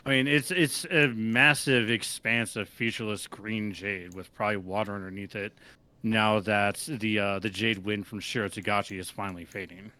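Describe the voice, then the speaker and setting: A man co-hosting a casual chat, explaining points in quick, thought-out runs. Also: lowish voice, steady tone, sharp tone. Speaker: co-host.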